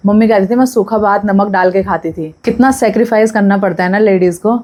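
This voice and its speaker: A woman's voice: medium pitch, steady tone, brisk, a little mellow. A young pregnant woman chatting casually to camera in a vlog, talking freely and drifting off topic. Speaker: vlogger.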